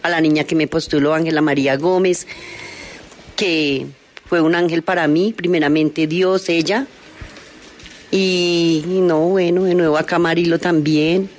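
A woman interviewed on site, halting and emotional as she gives thanks. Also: on the low side, fairly even intonation.

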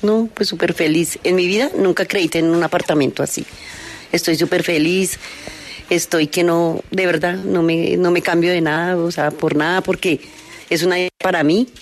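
A woman interviewed on site, halting and emotional as she gives thanks. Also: on the low side, steady tone, a little hiss or hum.

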